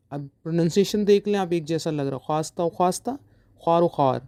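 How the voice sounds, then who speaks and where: A lecturer from Pakistan giving a recorded exam-prep lesson, slowly reading out each definition and then explaining it, often checking in with "okay?". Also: medium pitch, dark tone, dry recording. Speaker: online lecturer.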